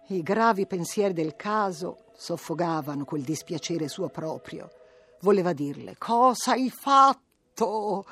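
A woman reading a classic novel aloud as narrator, in a measured, expressive way. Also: fairly low pitch, no room sound, studio quality. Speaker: audiobook narrator.

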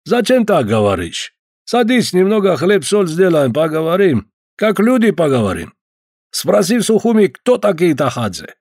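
Man doing a pushy Georgian uncle, effusive and loud. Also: high voice, wildly swooping pitch, moderate pace, slightly rough, no room sound, clean studio sound, pitched above the performer's own voice, exaggerated voice. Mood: coaxing. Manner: effusive, calls everyone "dear". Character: Georgian man, pushy, smooth then threatening.

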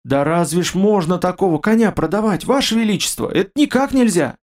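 A man's voice: high-pitched, lively intonation, normal speed, darkish tone, pitched above the performer's own voice. A man reading a story, voicing a trembling, fawning old peasant who pleads and babbles in a raised voice. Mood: pleading.

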